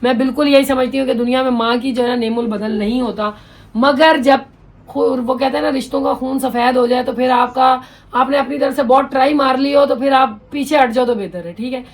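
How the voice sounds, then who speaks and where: A woman's voice: high voice, steady tone. A woman, chatting bluntly and readily as she reads viewer comments in a home vlog. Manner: talkative, blunt, quick-tongued. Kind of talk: casual chat.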